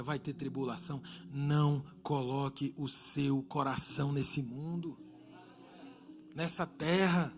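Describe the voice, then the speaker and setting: A pastor preaching a sermon in a church, moving between hushed, conversational asides and loud, emphatic exhortation while acting out voices of people. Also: male voice, high voice.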